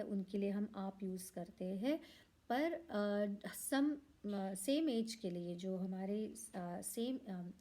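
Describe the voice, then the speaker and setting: A woman teaching a language lesson, explaining slowly with many fillers and restarts and dropping English words into her talk. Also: mid-range voice, mellow.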